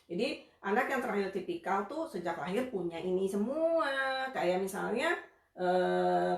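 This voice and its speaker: A woman behavior analyst giving a casual, conversational live lesson to parents, chatty and full of tag phrases. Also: mid-range voice. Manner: chatty, conversational, often tags phrases with "gitu ya". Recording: echoey room livestream audio.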